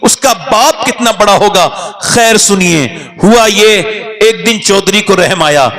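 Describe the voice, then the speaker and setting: A man preaching a sermon, telling stories and rising to shouts as he leads the crowd. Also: high-pitched, long reverb tail. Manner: storytelling, rises to shouting and leads crowd chants.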